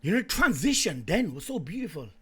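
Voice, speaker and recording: Bursts of shouting punctuate the hyped, slangy bro talk of a young YouTube host reacting live to anime. His voice is high, raspy, and creaky, and he talks fairly quickly.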